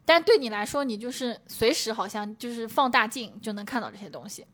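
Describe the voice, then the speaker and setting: A woman co-hosting a casual chat podcast, talking her partner through his habits in a gently persuasive way. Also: a little high, fairly quick. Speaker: podcast co-host.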